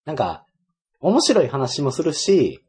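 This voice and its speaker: A man's voice: fairly high pitch, huge pitch swings, slow pace, warm tone. A man in his twenties with a Kansai accent chats casually as a co-host, often searching for his words in broken phrases. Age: 20s. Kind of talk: casual chat.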